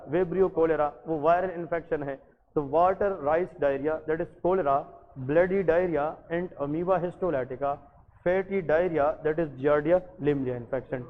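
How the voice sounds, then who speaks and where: Male medical lecturer, fairly high voice, quizzes the class and answers himself; tinny phone-like sound. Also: slight background noise. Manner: asks the class questions and answers them himself; mixes English terms into Hindustani speech. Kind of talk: exam-focused lecture. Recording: tinny, phone-like audio with a long reverb.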